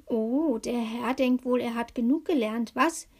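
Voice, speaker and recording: A woman's voice: on the high side, measured pace. Woman doing Pistacia, a giggly bossy fairy. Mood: teasing. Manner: sing-song, giggly, teasing. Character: plump cheeky female luck fairy, bossy and teasing. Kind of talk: storybook reading.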